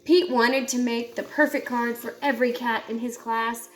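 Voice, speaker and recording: A woman reads a children's picture book aloud, telling the story expressively. Her voice is on the high side and her pace is moderate.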